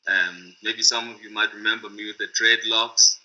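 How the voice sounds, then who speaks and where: A man's voice: fairly low pitch, steady tone, moderate pace, sharp tone. A middle-aged man and music producer, reflecting thoughtfully and hesitantly, often searching for his words. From South Africa. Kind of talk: reflective talk to camera. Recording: dull lo-fi recording.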